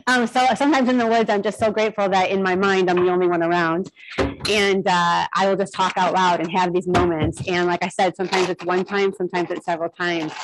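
A woman's voice: mid-range voice, low-quality recording. Young woman, guest artist, loose and rambling talk to a live gallery crowd. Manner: chatty and rambling, with many fillers. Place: gallery event in front of an audience.

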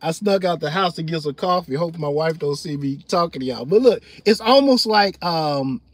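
A middle-aged man chatting casually on his livestream, animated and loose, laughing often and reading chat comments aloud. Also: fairly high pitch, moderate pace, no room sound. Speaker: livestream host.

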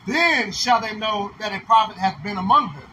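A man with a very high voice reads scripture slowly and then preaches about it on the street. Clear outdoor noise sits behind his voice. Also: animated, sharp tone. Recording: noisy outdoor street recording.

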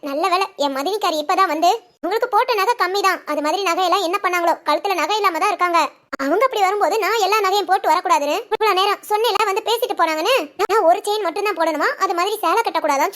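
An anxious young pregnant wife from a cartoon family story, voiced by a woman. She talks fast and earnestly in a very high voice. Every line carries a pleading worry. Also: a bit bright. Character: young pregnant married daughter, anxious and put-upon. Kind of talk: cartoon family drama phone call.

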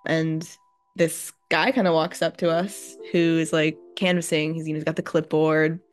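A woman's voice: deep voice, little pitch movement, moderate pace, faint music behind. A woman telling a casual story on a podcast, rambling with lots of fillers. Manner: rambling, many likes and you-knows. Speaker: party member sharing an anecdote.

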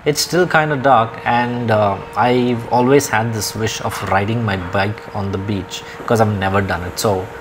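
A man's voice: on the low side, steady tone, moderate pace, few pauses. A young man from India narrating a motorbike trip in an easygoing, plain-spoken way through a helmet mic. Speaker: motovlogger. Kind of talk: casual travel vlog narration. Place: on a motorbike on a road. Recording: road and engine noise behind.

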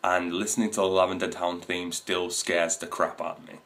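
A man in his twenties hosts a casual to-camera video, rambling with many fillers and restarts. His voice is very deep and a bit bright, his delivery flat and a little fast. It's recorded on the camera mic.

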